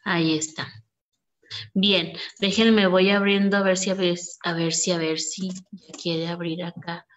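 A woman's voice: fairly low pitch, little pitch movement, measured pace, highs cut off. A woman who teaches online marketing in a live screen-share tutorial. She chats casually and thinks aloud as she types. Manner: chatty, thinks aloud while typing. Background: keyboard typing and clicks.

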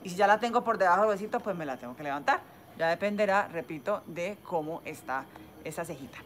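A woman's voice: fairly low pitch, expressive, fast talker, a little hiss or hum. A woman plastic surgeon with a Caleño Colombian accent answers viewers' questions on a phone live stream, in a chatty, explanatory way that keeps checking in with "¿sí?". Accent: Caleño Colombian Spanish.

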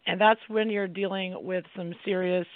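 A woman's voice: fairly low pitch, fairly even intonation, normal speed, dry recording. A woman hosting a podcast, introducing her guest with some fillers. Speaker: podcast host. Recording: tinny phone-like line, dry.

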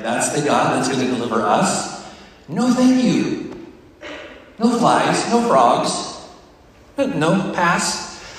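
A man giving a conversational, jokey and sometimes emotional devotional talk to a staff gathering, recorded on a phone on the podium. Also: a little high. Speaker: devotional speaker. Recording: distant, echoey room phone recording.

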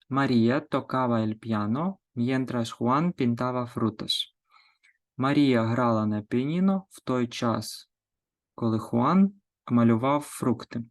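Guy teaching grammar, goes through verb forms one by one, translates everything, calm and methodical. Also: mid-range voice. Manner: reads Spanish examples then translates them, steady and methodical. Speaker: Spanish teacher. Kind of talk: grammar lesson explanation.

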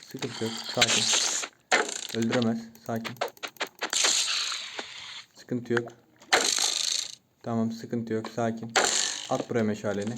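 A young man narrates his Minecraft game at the computer, keeping a steady patter under his breath. Now and then he breaks into excited yelps. His mid-pitched voice sits over a noisy home recording full of keyboard clicks. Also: takes it slowly, pauses often. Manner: talks himself through it, mutters "sakin" to stay calm. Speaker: gaming YouTuber. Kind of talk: Minecraft let's-play commentary.

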